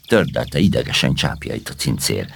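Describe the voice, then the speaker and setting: A man reading a children's story aloud with expressive, gentle storytelling. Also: extremely low pitch, gravelly, husky.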